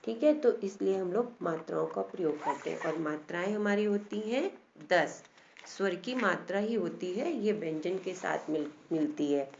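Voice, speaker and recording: A woman's voice: on the low side, moderate pace, creaky, a little mellow, a little hiss or hum. A woman teacher giving a patient classroom lesson, sounding out letters one at a time and repeating key points. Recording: dull lo-fi classroom recording.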